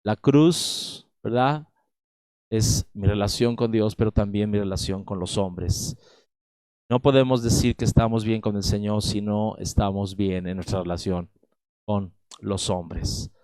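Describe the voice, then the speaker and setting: A man's voice: on the low side, fairly even intonation, measured pace, a little mellow, clear, resonant tone, no room sound. A man preaching a sermon in a Mexican accent, emphatic and speaking straight to his listeners. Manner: emphatic preaching, addresses listeners directly with frequent "¿verdad?". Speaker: pastor.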